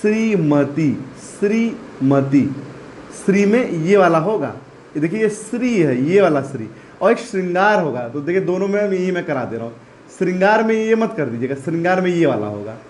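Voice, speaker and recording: A man teaching a spelling lesson to exam students, repeating each word slowly and calling his listeners "children". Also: high-pitched, sing-song, a little mellow, a little hiss or hum. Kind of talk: classroom-style spelling lesson.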